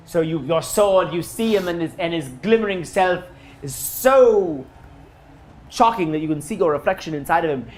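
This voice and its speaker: A woman's voice: fairly low pitch, expressive, moderate pace, a little mellow, slight background noise. A woman running a tabletop game as game master, improvising narration in a playful, theatrical way.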